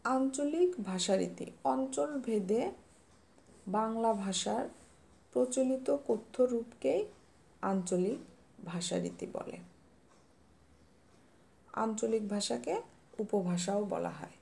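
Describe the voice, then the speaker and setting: A woman teacher explains a grammar lesson step by step, patient and unhurried, pausing to pose quiz questions. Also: on the high side, creaky, warm tone. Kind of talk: classroom lesson reading notes.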